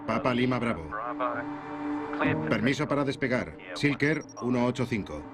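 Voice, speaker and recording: An actor as a male airline first officer, giving clipped procedural calls in a documentary re-enactment. His mid-range voice swings in pitch, with loud music and aircraft noise behind it. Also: animated, normal speed, natural voice. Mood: procedural, focused. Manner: clipped pilot radio phraseology. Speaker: airline co-pilot.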